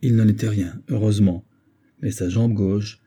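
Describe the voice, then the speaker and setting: A man narrating an adventure novel in a steady, measured audiobook reading. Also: lowish voice, husky. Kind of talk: scripted narration.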